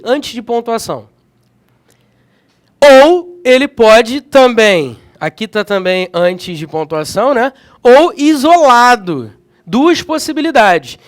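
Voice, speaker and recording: Lively high-voiced grammar teacher. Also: male voice. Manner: energetic, checks in often with slangy tags. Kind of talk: exam-prep grammar lesson.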